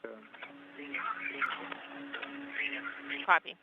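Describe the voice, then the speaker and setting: A man's voice: slow, over loud music. A man giving curt, procedural mission control instructions over a crackly space-to-ground radio link. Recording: tinny noisy radio loop.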